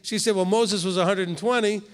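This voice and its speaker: The voice here belongs to a man in his fifties, pitched high and steady in tone, moving a little fast within a large hall. As a rabbi guiding his congregation's Torah study, he stays conversational and keeps asking "okay?"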